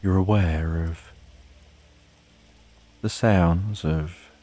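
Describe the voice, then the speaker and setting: Soft husky guy doing sleep story narration, really mellow and calm, rain behind him. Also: sits low. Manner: calm, unhurried, with long pauses. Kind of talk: slow, soothing bedtime story narration.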